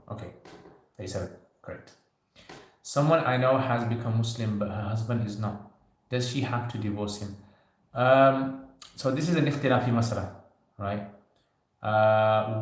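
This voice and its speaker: A man's voice: medium pitch, normal speed, pauses often. A man in his thirties hosting a casual livestream Q&A, talking loosely and joking with viewers. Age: 30s. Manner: conversational, loose, with frequent "you know" and light joking. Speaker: livestream host answering viewer questions. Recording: very echoey room.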